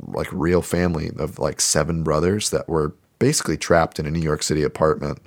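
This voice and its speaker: Very deep-voiced man chatting casually. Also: fairly quick. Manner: laid-back, rambling, filler-heavy. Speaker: podcast co-host. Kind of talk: casual movie review chat.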